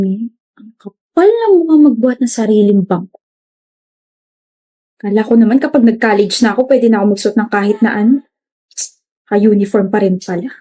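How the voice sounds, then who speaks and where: A woman performs a campus romance skit, trading cocky, teasing lines. Her voice is somewhat high yet mellow and dark in tone.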